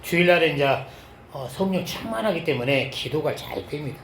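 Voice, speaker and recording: A middle-aged man, a pastor, giving a sermon with a personal testimony, telling it in an animated way with sudden loud bursts and low asides. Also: fairly quick, a little hiss or hum. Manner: animated storytelling, swinging between loud exclamations and low asides. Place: church sanctuary. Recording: echoey church hall.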